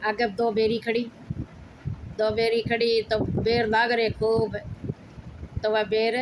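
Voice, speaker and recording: A woman's voice: a little high, completely flat delivery, takes it slowly. Haryanvi woman telling a devotional folk tale. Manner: repetitive, rambling storytelling. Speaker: folk storyteller. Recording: clicking background noise.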